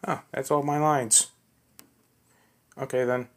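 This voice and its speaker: A man's voice: mid-range voice, level tone, slow pace. Young man muttering between takes. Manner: muttering, self-critical asides. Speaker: amateur voice actor. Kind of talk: casual self-talk between recorded takes. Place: home room.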